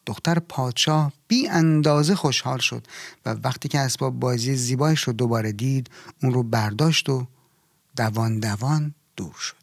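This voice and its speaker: Man narrating a fairy tale in calm, even tones, dry and close to the mic, at a middle pitch. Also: no room sound. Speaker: translator-narrator. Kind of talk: storybook reading.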